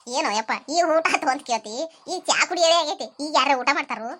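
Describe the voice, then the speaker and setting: A woman's voice: high voice, fast, a bit bright. A woman with a North Karnataka accent playing a nagging deaf old grandmother in a comedy skit, preachy and rambling. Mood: scolding. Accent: North Karnataka Kannada.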